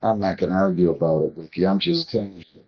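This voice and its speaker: A man's voice: deep voice, animated, fast talker, breathy edge, dull audio. A man presiding as a judge in a courtroom hearing, stern and exasperated as he lectures counsel.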